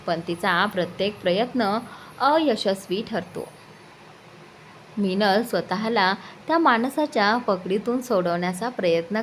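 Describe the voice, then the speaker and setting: A woman's voice: medium pitch, a little hiss or hum, rough recording. Woman reading a romantic story. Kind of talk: scripted narration.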